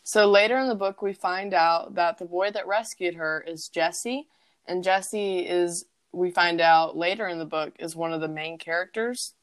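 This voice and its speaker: A young woman co-hosting a casual book podcast, her voice smooth and clear and set a little low. She rambles along with plenty of fillers. The sound is dry and close. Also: normal speed, no echo. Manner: chatty, rambling, with frequent fillers. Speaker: podcast co-host.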